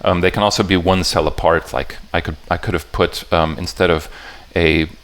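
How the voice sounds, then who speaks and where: A man with a low voice presents a puzzle talk to a live audience. He speaks in halting stretches, backing up to rephrase mid-sentence. Now and then he asks the room whether they are following. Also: fairly even intonation, a bit bright. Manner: halting and self-correcting, stops to restart sentences; talks directly to the audience with checking questions. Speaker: puzzle setter giving a convention talk.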